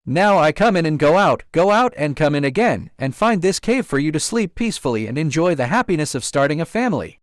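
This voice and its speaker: A man's voice: fairly high pitch, very animated, a little fast, few pauses, dry recording, clean studio sound. A man voicing a bold, joyful young male stone monkey who leads the others proudly, in a storybook reading. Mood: commanding. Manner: exclaims in repeated short cries.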